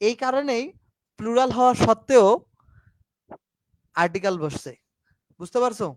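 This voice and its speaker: A high-voiced man with a Bangladeshi Bengali accent lectures on English grammar in an online class. He explains slowly, sprinkles English terms through his talk and keeps asking if the students understand. The sound is dry and close, with no room echo. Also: a little mellow. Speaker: English teacher.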